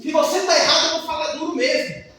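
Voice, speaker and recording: A man preacher voicing his wife as a sharp, reproachful young woman, in an echoey church recorded from far off. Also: extremely high pitch, quick pace, slight background noise, voice pushed up. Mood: stern.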